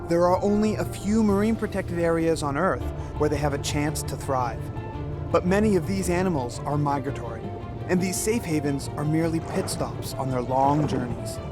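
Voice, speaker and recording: Higher-pitched young man narrating a nature documentary. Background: music bed under the voice.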